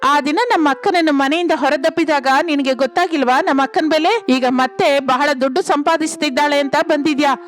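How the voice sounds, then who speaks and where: A woman's voice: sits high, moderate pace, faint music behind, natural voice. A woman voicing an angry young wife who scolds her greedy mother-in-law in a storybook tale.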